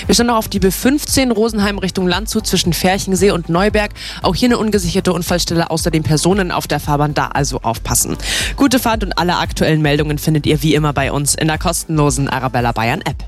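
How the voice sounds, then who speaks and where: A woman reporter reading a brisk, friendly traffic update on the radio. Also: fairly low pitch.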